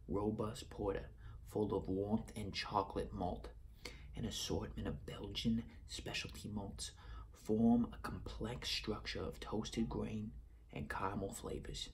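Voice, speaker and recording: A man's voice: lowish voice, slight background noise. A man in his thirties with a Boston accent, giving a casual beer review and partly reading aloud in a room at home.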